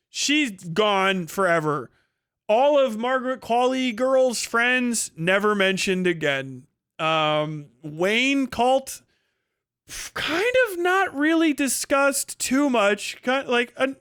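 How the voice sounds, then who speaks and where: As a livestream host, a man rants through a casual review, blunt, profane and exasperated, hammering the same points for emphasis. His smooth voice sits high and sounds pushed and bright. The studio recording is clean, with no room sound.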